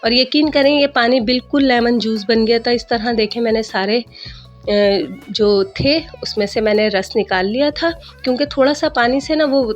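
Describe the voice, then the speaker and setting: A woman's voice: a little high, moderate pace. A woman narrating her cooking vlog in a chatty voice-over, explaining each step to viewers, her throat a little sore. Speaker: cooking vlogger. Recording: dull lo-fi voice-over with soft music.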